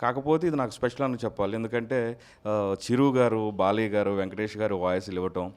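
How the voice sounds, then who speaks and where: A man, a mimicry artist, speaking softly and politely as an interview guest. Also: fairly low pitch, fairly even intonation, fairly quick, clean tone. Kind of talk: casual interview chat. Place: recording studio.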